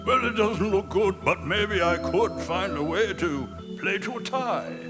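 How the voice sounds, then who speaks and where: A man's voice: sits high, expressive, a little slow, voice pushed up. A man voicing a flustered, genteel, pompous chess king in a comic musical story. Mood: nervously serene. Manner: muttering, dithering, genteel. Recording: loud music underneath.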